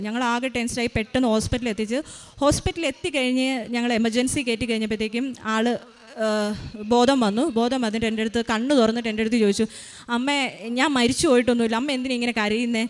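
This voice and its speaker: A woman's voice: fairly high pitch, very fast. A mother giving an emotional personal faith testimony, retelling events tensely with many restarts.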